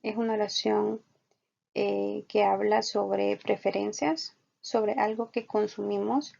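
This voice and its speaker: Slow, gravelly-voiced woman teaching. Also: mid-range voice, fairly even intonation, dark tone. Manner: slow, patient explaining, repeats example sentences slowly. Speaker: English teacher. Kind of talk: online language lesson. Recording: dull lo-fi recording.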